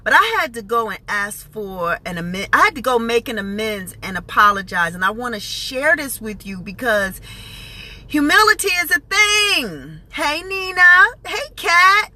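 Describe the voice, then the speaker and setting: A woman from New Jersey telling a personal story on a live stream, animated and chatty, stopping to greet viewers by name. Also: medium pitch, moderate pace, low-quality recording.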